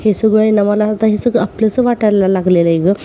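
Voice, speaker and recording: A woman's voice: medium pitch, steady tone, fast, mellow, a little hiss or hum, close to an everyday voice. A woman doing a sugary, scheming young wife. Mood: fawning. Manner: sugary, ingratiating. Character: sly young wife, falsely sweet and ingratiating.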